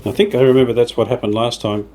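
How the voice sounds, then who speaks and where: This hobby radio restoration channel host talks fast in a mid-range, slightly mellow voice with fairly even intonation. He thinks aloud casually while doing hands-on workshop work, understated and a little unsure, and sanding and rubbing noises are clearly heard.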